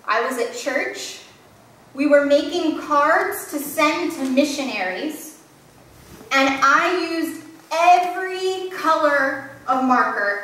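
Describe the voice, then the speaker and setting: Bright and forceful in tone, this high voice belongs to a woman pastor preaching in a church sanctuary. She shares stories candidly, poking fun at herself, and the audio is captured from a distance in a very echoey church.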